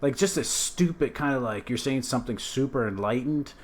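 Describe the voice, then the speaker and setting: A man's voice: mid-range voice, lively intonation, a little fast, a little hiss or hum. A man hosting a casual news commentary show, talking in a loose, rambling way with frequent restarts. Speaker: show host.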